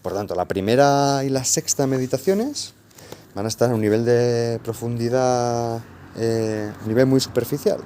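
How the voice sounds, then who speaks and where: A man's voice: mid-range voice, normal speed, warm tone, a little hiss or hum. A man from Spain teaching a philosophy class to secondary students, explaining step by step with frequent fillers, restarts and check-ins. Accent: Spain Spanish. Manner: hesitant, many fillers and restarts; explains patiently, checks in with "¿vale?". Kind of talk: recorded class lecture.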